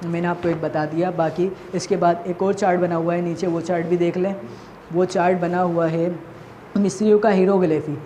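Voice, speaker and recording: A woman teacher with a Pakistani Urdu accent talks through a recorded lesson for children in a fairly low voice. She repeats key points and answers her own questions. A faint noise runs under the recording. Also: fairly even intonation, warm tone.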